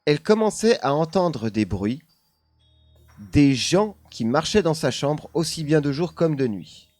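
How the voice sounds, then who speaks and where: A man's voice: fairly high pitch, big pitch swings, a little slow, a little mellow, no room sound, soft background music. A man streaming live, casually telling a paranormal story while chatting with his viewers, laughing often and leaning on the same filler words.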